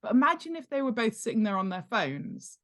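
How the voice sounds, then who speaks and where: Here the same kind of guest, a middle-aged British author and world-building expert, talks fairly quickly in a high, sing-song, somewhat bright voice. She gives a conversational explanation during a podcast interview, emphatically repeating words to underline what she means.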